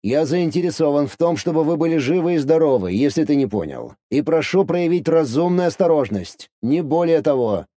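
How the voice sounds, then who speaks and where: A composed, secretive man, as a male reader plays him, speaking calmly and a bit condescendingly, as an adult speaks to a child. His mellow, darker voice moves with lively pitch but stays controlled, recorded dry and close. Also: no echo, lightly acted. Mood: weary. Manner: calm, measured, condescending. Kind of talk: audiobook dialogue reading.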